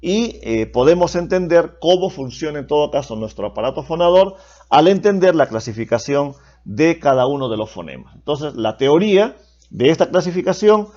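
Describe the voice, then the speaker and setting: A man's voice: on the high side, very animated, normal speed, mellow. A man teaching a class in a patient, explanatory way, often asking questions and adding a checking "¿no?" after his points. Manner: explanatory, asks rhetorical questions with tag "¿no?". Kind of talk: classroom lecture. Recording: dull lo-fi recording.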